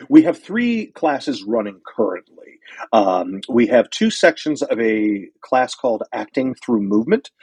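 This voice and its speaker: A man's voice: mid-range voice, darkish tone, husky, dry recording, low-quality recording. A man in the role of an arts school director, explaining things casually in an interview.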